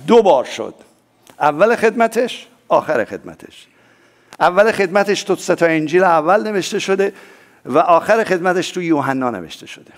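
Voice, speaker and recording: Alternating booming declarations with quiet, murmured asides, a male pastor delivers his sermon and urges the congregation to answer back.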